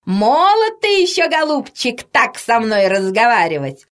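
A woman's voice: on the high side, sing-song, unhurried, pitched above the performer's own voice. A woman playing a feisty old granny. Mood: scolding. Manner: dignified, scolding. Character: feisty spry old grandmother.

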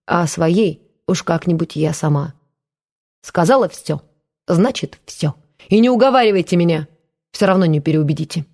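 A woman's voice: on the low side, lively intonation, moderate pace, dark tone. Woman doing a shrewd blunt old village aunt. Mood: stubborn. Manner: blunt, mocking.

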